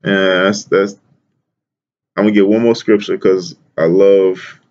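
A man reading Bible verses aloud and explaining them in a casual, slangy, excited way, often repeating words and calling the listener "man". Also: sits low, a little slow, highs cut off. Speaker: bible teacher. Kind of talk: casual scripture reading and commentary.

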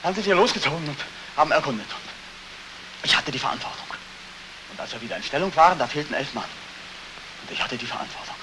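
An actor playing a haunted soldier back from war, tormented, swinging between strained cries and hushed whispers, in 1940s film acting. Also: male voice, on the high side, animated, rapid-fire, close to an everyday voice. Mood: agitated. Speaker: war returnee Beckmann. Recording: hissy old 1949 film soundtrack.

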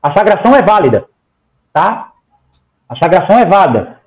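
A very animated high male voice at normal speed belongs to a forty-something interview guest on a video call. He wears a headset at home, and the recording is low quality. His manner is emphatic, with lots of gestures and long runs punctuated by "tá?".

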